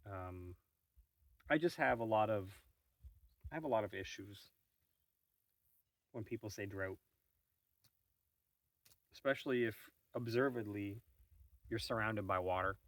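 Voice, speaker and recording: A man's voice: fairly low pitch, unhurried, pauses often, no echo, distant mic. A man hosting a casual morning vlog, musing and rambling with wry asides while sitting outdoors on a shady farm terrace. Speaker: vlog host.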